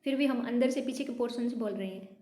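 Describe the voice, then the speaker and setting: A woman with a high, light voice gives a pronunciation lesson, saying each word again and again so learners can copy it. The room is echoey, so her voice rings a little off the walls. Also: mellow. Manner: patient, repeats words slowly for learners. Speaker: Hindi teacher.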